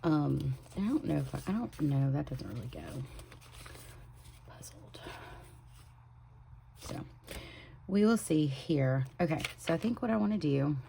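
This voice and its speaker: A planner vlogger with a drawl sits at her home desk for a casual plan-with-me chat, walking through her weekly planner in an unhurried, chatty way and drifting into soft whispers as she works. Her low, mellow voice is heavy with vocal fry yet has lively intonation, and a faint hiss runs beneath the home recording.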